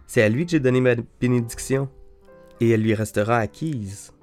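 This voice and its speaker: A man reading the part of an old blind father, speaking in slow, grave pronouncements. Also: mid-range voice, a little mellow, faint music behind, close to an everyday voice. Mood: solemn. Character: old blind father Isaac, frail and solemn.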